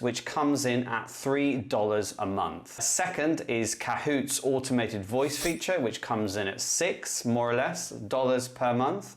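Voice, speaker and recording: A man who teaches English, talking through a step-by-step tutorial in a clear, methodical way. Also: medium pitch. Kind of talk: classroom-tech tutorial explanation.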